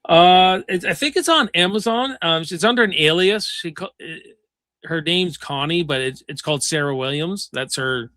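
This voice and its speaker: A man hosts a casual livestream with a bright, forceful voice pitched a little above the usual. He reads viewer comments aloud with plenty of ums and uhs. The sound is dry and close. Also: moderate pace, dry recording. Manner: reads chat comments aloud, many fillers. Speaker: livestream host.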